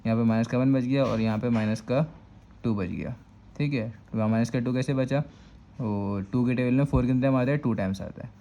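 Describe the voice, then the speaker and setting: A man's voice: mid-range voice, a little fast, dark tone, dull audio. A man with a Karachi Urdu accent teaching a step-by-step math lesson, patiently repeating "thik hai" to check that students follow. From Pakistan.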